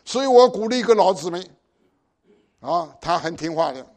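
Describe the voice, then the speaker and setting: High-voiced older preacher, exhorting. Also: male voice, animated, normal speed, darkish tone. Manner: exhorting, with pointed rhetorical questions. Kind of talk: sermon.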